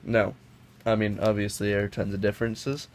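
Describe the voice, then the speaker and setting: At a table indoors, a sniffling young toy reviewer with a cold compares products hands-on, rambling casually and correcting himself. His lowish voice is flat and moves at a moderate pace. The recording is noisy home audio from a camera mic off-screen above the table.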